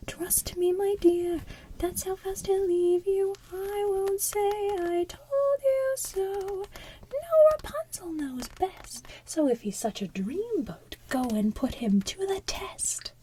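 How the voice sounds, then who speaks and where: A woman voicing a smothering, manipulative villain mother from an animated musical, in soft whispered singing. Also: extremely high pitch, takes it slowly, slight background noise, pitched above the performer's own voice. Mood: sly, warning.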